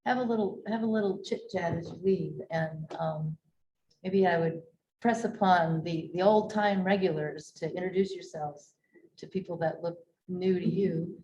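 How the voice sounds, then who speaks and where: A woman leading a casual book club discussion, haltingly searching for her words. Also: lowish voice, warm tone. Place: indoor room at a book club meeting. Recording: dull recording with faint noise.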